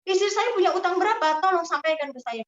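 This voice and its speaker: A woman voicing a stern, quick-tempered male pastor who questions curtly and demands answers. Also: very high voice, lively intonation, voice pushed up. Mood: demanding. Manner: curt, demanding, bursts into shouting. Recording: roomy, slightly dull hall recording.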